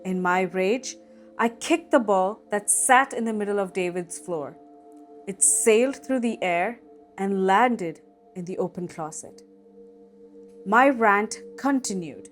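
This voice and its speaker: A woman narrates a creepy tale in a slow, dramatic storytelling manner, leaning into the suspense. Her pitch sits at a middling level, and she takes her time with every line. Soft music plays faintly beneath her voice. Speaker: storytelling cooking channel host. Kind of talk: reading a scary story aloud.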